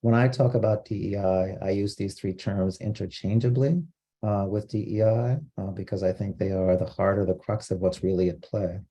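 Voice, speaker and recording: A man from Costa Rica giving an online training lecture, explaining terms in a measured way with frequent fillers. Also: on the low side, steady tone, mellow, slightly rough. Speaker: diversity trainer.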